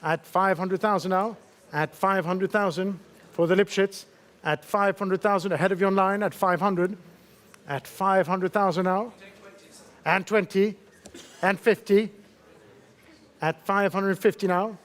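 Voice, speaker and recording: A man's voice: sits high, fairly even intonation, measured pace, long pauses, a bit bright. A man working as a fine art auctioneer, calling bids in repeated figures and politely coaxing bidders with short questions. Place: auction saleroom in London.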